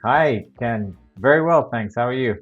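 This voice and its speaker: A man from Zambia, a wildlife photographer and interview guest, explaining things in a measured way with a few restarts. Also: mid-range voice, expressive, dry recording, dull audio, faint music behind. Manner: measured, explanatory, some repeated starts. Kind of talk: casual interview answers.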